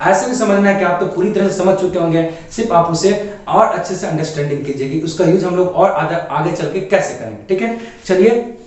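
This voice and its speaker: High-voiced man teaching chemistry in an echoey room. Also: fairly quick, darkish tone, recorded from a distance. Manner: asks the class questions then answers them himself, calls students "babu". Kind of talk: classroom lecture at a board.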